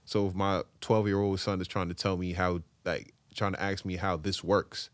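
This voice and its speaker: A man's voice: low-pitched, flat delivery, moderate pace, dry recording. A man in his thirties with a Brooklyn accent tells a story in a slangy, conversational podcast style. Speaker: podcast speaker telling a personal story. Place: small indoor podcast studio. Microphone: close podcast mic on boom arm.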